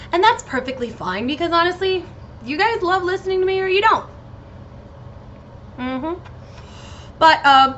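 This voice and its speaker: A high, bright-voiced American woman chats loosely on her solo podcast. She is giggly, scattered and a little loopy, swearing freely as she wanders between thoughts. The recording is muffled and lo-fi, like a home setup. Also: a little hiss or hum. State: slightly loopy on painkillers. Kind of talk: casual rambling solo chat with swearing.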